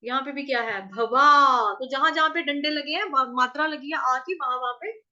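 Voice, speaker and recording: A woman teaching Sanskrit verse pronunciation, patiently repeating syllables, chanting lines slowly and asking if everyone follows. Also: sits high, pushed and bright, lo-fi sound. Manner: patient, repeats syllables and asks checking questions. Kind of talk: recitation lesson with chanted verse examples.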